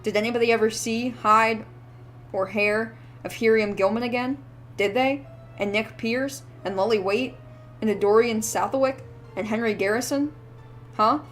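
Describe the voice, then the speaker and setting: A woman's voice: fairly high pitch, steady tone, normal speed, lightly acted. A woman voicing a wheezy, ranting old drunk man who rambles feverishly in rustic old-timer speech. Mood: rambling. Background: faint background music.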